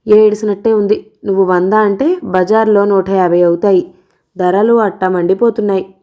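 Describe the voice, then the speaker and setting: A woman voicing a loud, teasing middle-aged village woman who scolds and grumbles, in a storybook reading. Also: medium pitch, fairly even intonation, moderate pace, close to an everyday voice. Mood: scolding, teasing. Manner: scolding and grumbling, shouts often.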